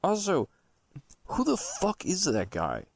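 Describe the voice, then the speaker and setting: A podcast co-host with a high-sitting voice, huge swings in pitch and a slow pace banters and tells stories in a blunt, sweary, emphatic style. The sound is clean studio audio with no room sound.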